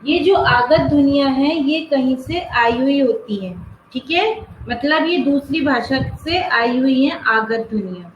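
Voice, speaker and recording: A woman teacher giving an online grammar class to schoolchildren. She asks the class questions, answers them herself, and draws out example words slowly. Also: sits high, expressive, a little hiss or hum. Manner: slow, drawn-out spelling of example words. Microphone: video call. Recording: roomy, muffled online class audio.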